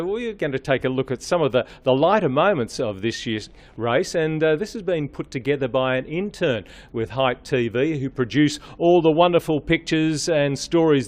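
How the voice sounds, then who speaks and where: A man hosting a race news update, speaking in a relaxed way with many filler sounds. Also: on the high side.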